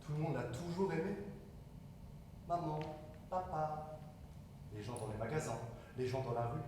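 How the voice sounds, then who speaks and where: An actor playing an anxious, touchy parent figure in a live stage play, declaiming and swinging between hushed and loud. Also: male voice, a little high, normal speed, close to an everyday voice. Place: theatre stage. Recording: echoey hall from far off, room hiss.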